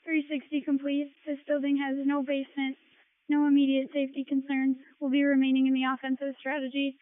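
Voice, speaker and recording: High-voiced woman commander on tinny fire radio. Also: monotone, a little fast, no room sound. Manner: clipped, procedural. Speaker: fire officer, incident commander. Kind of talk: firefighter radio dispatch traffic. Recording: tinny narrowband two-way radio.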